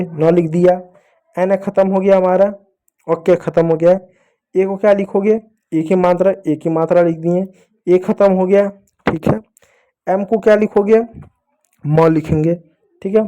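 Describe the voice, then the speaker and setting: A man with a slightly raised voice teaches reading to children. He keeps asking the class questions and answering them himself, and he spells words out slowly, one letter at a time. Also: sits high, mellow.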